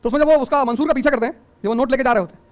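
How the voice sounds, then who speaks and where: A middle-aged man teaching a coaching class, giving an animated motivational talk full of rhetorical questions and joking asides. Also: extremely high pitch, very fast.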